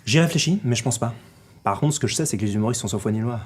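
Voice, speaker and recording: A man's voice: medium pitch, expressive, very fast, slightly rough. A man playing a real-estate agent character as a guest in a comedy sketch, earnest and rambling. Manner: earnest, mock-serious and rambling. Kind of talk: mock interview comedy sketch.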